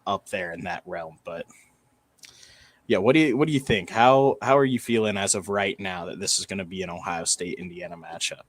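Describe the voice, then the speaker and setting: A man's voice: deep voice, fairly quick. A man co-hosting a casual college football talk show, steadily laying out playoff scenarios point by point. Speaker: sports podcast co-host.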